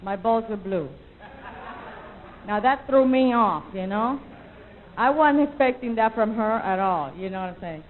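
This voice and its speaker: A woman performing a stand-up comedy set, chatty and animated, slipping into playful quoted voices. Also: medium pitch, measured pace, long pauses. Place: comedy club stage. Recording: lo-fi VHS tape recording.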